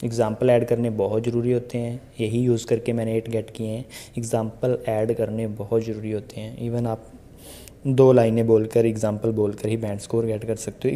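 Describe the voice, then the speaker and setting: Dark-voiced chatty male IELTS coach. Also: medium pitch. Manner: chatty, addresses viewers directly with rhetorical questions. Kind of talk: casual Hindi tutorial monologue.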